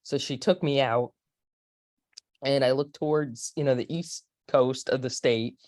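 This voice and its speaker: A woman's voice: rumbling low, measured pace, darkish tone, dry recording, clean studio sound. A woman in her forties from Florida, a space historian telling rambling, chatty stories as an interview guest. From Florida, USA. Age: 40s. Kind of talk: casual interview.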